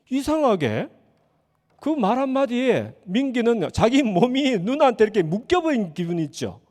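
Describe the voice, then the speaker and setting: A man's voice: sits high, a little mellow. A male pastor telling a story in a sermon in a church sanctuary, acting out the voices as he goes. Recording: church hall reverb.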